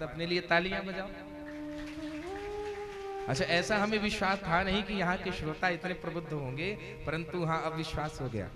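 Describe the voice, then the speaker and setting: A male Bhagavata katha preacher giving a devotional sermon to a seated audience, jovial and teasing as he commands them to chant and sit still. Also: fairly high pitch. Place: religious gathering before a seated audience. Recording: live recording with loud devotional music.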